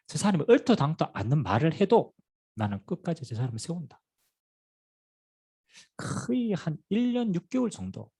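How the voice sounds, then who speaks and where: Middle-aged male pastor, Gyeongsang accent, husky tone, animated storytelling sermon. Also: medium pitch. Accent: Gyeongsang Korean. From Pohang, South Korea. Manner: lively storytelling preaching with rhetorical questions and humor.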